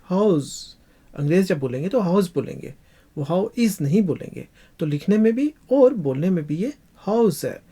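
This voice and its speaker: Language teacher going over phrases really slow, husky and mellow, repeats everything. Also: mid-range voice. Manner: slow, repeats each phrase, drawn-out English examples. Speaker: English teacher. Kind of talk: spoken English lesson.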